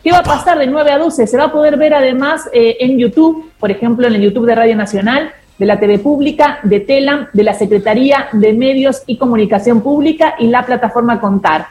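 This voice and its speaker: A woman's voice: fairly high pitch, brisk, hardly any pauses. A woman with an Argentine accent, hosting a radio show in casual on-air chat and running through the lineup of the day. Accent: Argentine Spanish. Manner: lively, announcing a program lineup. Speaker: radio host. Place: radio studio. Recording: roomy studio echo.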